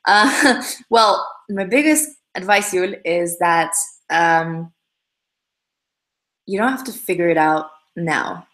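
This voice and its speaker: Chatting brightly through viewer questions on her livestream, this young Russian-native host fills her speech with fillers and restarts while staying upbeat. She speaks slowly in a lowish voice with long pauses, and the room sounds roomy.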